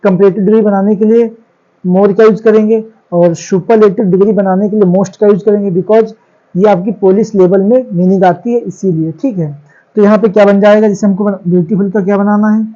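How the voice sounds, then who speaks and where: A man teaches a grammar class in a high, mellow voice. He fires questions at the class and answers them himself, repeating each key word. The recording sounds dull and lo-fi. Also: steady tone, brisk. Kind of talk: classroom lecture on English grammar.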